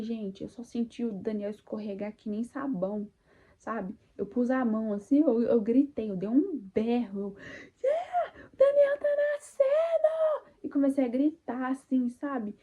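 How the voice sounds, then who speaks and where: A young Brazilian woman casually and emotionally telling her own birth story to viewers, speaking warmly about her faith and acting out her own cries. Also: a little high, slightly rough, narrow, tinny audio. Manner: faith-filled, addresses viewers as "gente". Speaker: vlogger sharing birth story.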